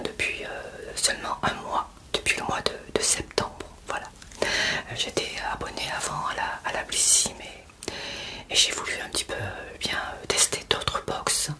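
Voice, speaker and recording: Softly whispering woman, halting unboxing. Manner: soft, halting whisper with many fillers; gushing over a subscription box unboxing. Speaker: ASMR creator. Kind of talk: whispered role-play.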